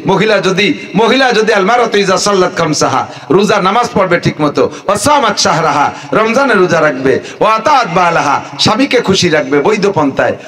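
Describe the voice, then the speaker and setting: Animated preacher man, lively pitch. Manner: animated, swings from high shouts to low mutters, acts out villagers. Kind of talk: comic Bengali waz sermon.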